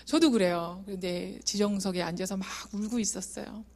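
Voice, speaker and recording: A middle-aged woman giving an emotional testimony sermon in a church, earnest and shifting between soft and loud. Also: medium pitch, steady tone, moderate pace. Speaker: guest speaker giving testimony. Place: church sanctuary.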